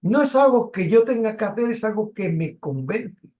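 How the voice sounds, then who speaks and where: Animated man teaching Bible study. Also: high voice. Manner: questioning, emphatic, pauses and restarts.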